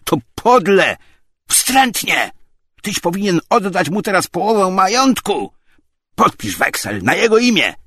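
A hoarse, spiteful bully bellows insults high and loud, as a male narrator puts him on. His voice swings wildly and carries a husky edge, close and dry with no room around it. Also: big pitch swings, slow pace, no room sound, full character voice. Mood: furious. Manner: shouting, mocking, abusive. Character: coarse, spiteful middle-aged man, hoarse and bullying.

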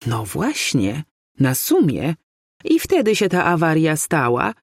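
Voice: mid-range voice, wildly swooping pitch, slow pace, no echo, studio quality, heavily acted. A reader voicing a nosy elderly neighbour woman who chatters eagerly and pries. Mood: prying.

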